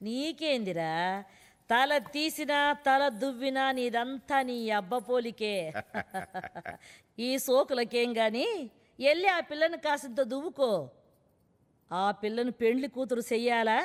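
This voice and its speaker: An actress playing a blunt rustic older aunt who teases and bosses the hero. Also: female voice, high voice, unhurried, long pauses. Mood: teasing. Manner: bossy, teasing, rural. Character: blunt rustic old aunt, teasing and bossy. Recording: film soundtrack, reverberant.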